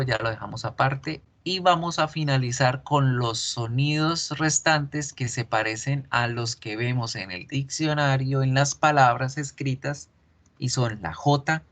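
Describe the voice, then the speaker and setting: Male teacher, unhurried and deliberate, repeats model words for practice. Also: medium pitch, fairly bright tone. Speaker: English teacher. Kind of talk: pronunciation lesson.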